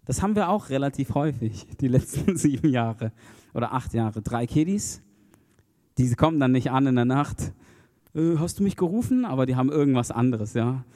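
Warm-voiced preacher in a reverberant hall. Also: male voice, mid-range voice, moderate pace. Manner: relaxed and conversational, with fillers and asides. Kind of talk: casual sermon with Bible reading.

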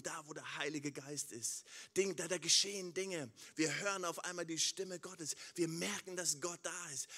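This preacher's voice sits on the high side as he delivers his sermon and questions the congregation directly. Hushed, prayerful stretches alternate with loud outbursts.

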